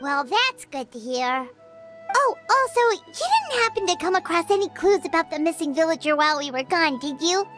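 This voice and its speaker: A tiny childlike fairy sidekick with an extremely high, squeaky voice. The delivery swoops wildly, chatty and earnest, in an expressive game-cartoon manner. Music plays behind. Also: female voice, moderate pace. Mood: concerned. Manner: exclamatory, expressive. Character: small childlike floating fairy companion, chatty, earnest, easily flustered. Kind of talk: video game voice acting.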